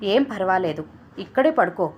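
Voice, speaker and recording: A woman's voice: mid-range voice, animated, moderate pace, husky. A woman reading aloud, voicing a frustrated, helpless young husband in a bitter, subdued tone in an audio story. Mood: gentle.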